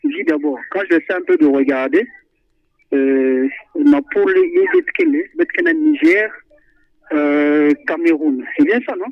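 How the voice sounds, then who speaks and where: On a tinny phone line, a radio listener with a high voice and vocal fry talks football at a measured pace, with no room sound. He's animated, though he hesitates frequently and keeps repeating himself.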